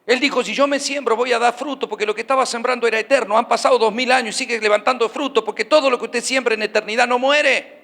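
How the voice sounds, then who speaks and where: A man preaching a sermon in a church, animated, acting out the people in his stories. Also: extremely high pitch, fast talker, in a large hall. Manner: animated, acts out the characters of his stories with voseo asides.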